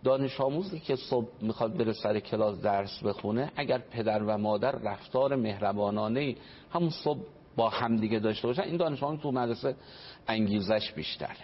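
A man giving an earnest religious talk on family life as a radio guest, explaining and quoting traditions. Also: on the low side. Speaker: family counselor. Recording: dull radio broadcast, faint noise.

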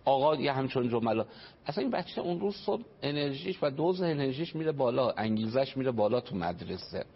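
A man's voice: mid-range voice, expressive, breathy edge. A man giving an earnest religious talk on family life as a radio guest, explaining and quoting traditions. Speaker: family counselor. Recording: dull radio broadcast, faint noise.

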